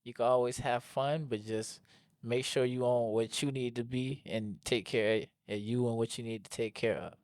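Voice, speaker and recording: A man with a mid-pitched voice talks casually as a guest. His speech is slangy and full of tag phrases, in a close, dry recording. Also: steady tone, normal speed, a little mellow, dry recording. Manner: slangy, repeats "you know". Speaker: podcast guest. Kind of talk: casual chat.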